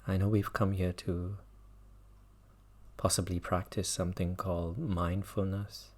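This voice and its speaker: In a low-pitched voice with flat delivery, a man teaches a guided mindfulness meditation, speaking softly and pausing for a long time between phrases.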